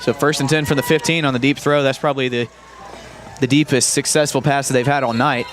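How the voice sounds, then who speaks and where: A man with a Southern US accent giving casual color commentary on a high school football game, thinking aloud as plays unfold. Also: fairly even intonation, fairly quick, music in the background.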